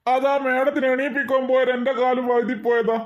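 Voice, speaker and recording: A woman's voice: high-pitched, flat delivery, brisk, dull audio, natural voice. A woman voicing a bumbling, whiny middle-aged husband in a cartoon, pleading. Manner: pleading, whining. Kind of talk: cartoon voice acting.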